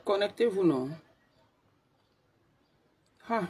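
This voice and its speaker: Woman live-streamer, hushed and quiet, slow unhurried delivery, phone mic. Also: medium pitch, animated, breathy edge. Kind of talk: casual live stream chat.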